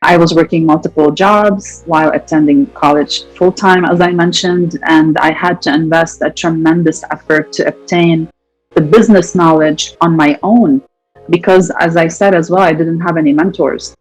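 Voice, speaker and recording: A woman from Lebanon, in her thirties, answering interview questions in long, measured, articulate sentences. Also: low voice, fairly even intonation, faint music behind, poor audio. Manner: articulate, measured, speaks in long listed phrases. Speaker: interview guest, entrepreneur.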